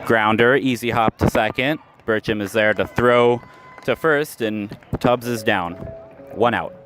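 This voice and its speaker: A radio baseball announcer, live at an outdoor ballpark, calls the play-by-play in clipped phrases as the action unfolds. His voice is lowish and unhurried, with music in the background.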